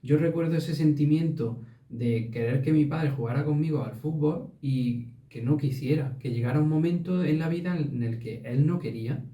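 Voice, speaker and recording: Thoughtful man, very dark voice. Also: a little high, normal speed, hardly any pauses, far from the mic. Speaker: podcast co-host, father. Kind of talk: casual reflective chat. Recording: roomy echo, off-mic.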